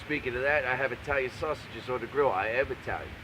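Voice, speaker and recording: A man's voice: medium pitch, fast, background noise. A man talking casually and profanely like a video blogger, brash and crude, hammering points home by repeating himself. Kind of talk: profane, casual rambling rant to camera.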